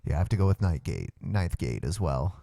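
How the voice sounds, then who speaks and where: A man bantering casually as a podcast co-host. His lowish voice swings animatedly in pitch. He is offhand and sweary, and recorded dry. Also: sing-song, brisk, vocal fry, dark tone, no echo.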